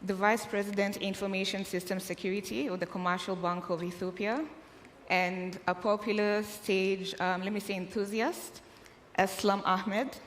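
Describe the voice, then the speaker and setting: A woman's voice: mid-range voice, little pitch movement, normal speed. A woman from Kenya moderating a live conference panel, friendly and joking as she talks to the audience. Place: large conference hall. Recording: long hall reverb, faint room noise.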